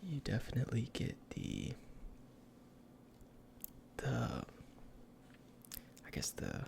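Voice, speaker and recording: A man in a whispered role-play as a salesman, speaking in a breathy, gravelly whisper with informal, hesitant explanations. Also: mid-range voice, wildly swooping pitch, slow pace, a little mellow, slight background noise. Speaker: ASMR performer playing a cologne salesman.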